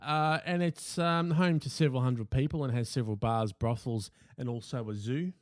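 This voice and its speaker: Hosting a podcast over a call from home, an Australian man keeps the chat comedic and casual, teasing with mock seriousness. He talks at medium pitch and normal speed, and the sound is studio quality without echo.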